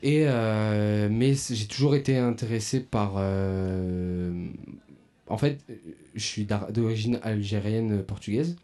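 Relaxed low-voiced French musician. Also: male voice, slow. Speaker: musician guest. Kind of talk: casual interview answers. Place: outdoor music festival.

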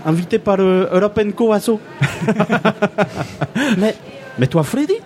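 Here a man voices a naive, cheerful male refugee from a fictional Balkan nation for a radio comedy sketch, faking a foreign accent and leaving out verbs and articles in his broken French. He speaks slowly in a high-pitched voice with a somewhat dark tone.

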